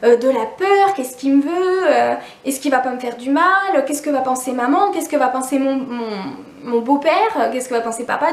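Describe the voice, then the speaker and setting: A woman's voice: high voice, echoey room. A woman YouTuber telling a personal story in a casual vlog, candid and chatty, with frequent restarts and asides to her viewers.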